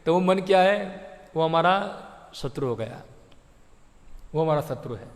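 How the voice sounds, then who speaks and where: A man's voice: fairly high pitch, expressive, measured pace. A man giving a devotional sermon, asking his listeners questions and answering them himself, and acting out little dialogues. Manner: acts out the mind's voice in little dialogues. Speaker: preacher. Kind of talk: Hindi devotional sermon on scripture. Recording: long hall reverb.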